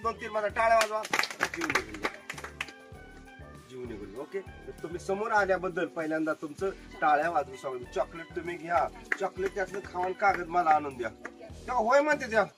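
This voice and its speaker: A man performing a lively magic show for a crowd, joking with and coaxing the audience. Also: high-pitched, fairly quick, over loud music. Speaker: stage magician.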